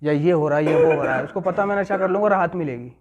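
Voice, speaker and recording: Man, recovery class leader, fairly high voice, storytelling lecture, muffled lo-fi sound. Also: fast, crowd noise. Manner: checks in with listeners, repeats key phrases. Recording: muffled lo-fi recording.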